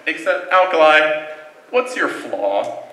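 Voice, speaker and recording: A man's voice: fairly high pitch, big pitch swings, slow, sharp tone. A man hosting a live tabletop game panel as game master. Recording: roomy sound with faint noise.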